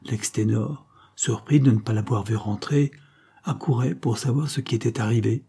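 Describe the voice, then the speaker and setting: Man reading an old novel out loud, dark husky voice. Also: mid-range voice, moderate pace. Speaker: audiobook narrator. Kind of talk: scripted narration.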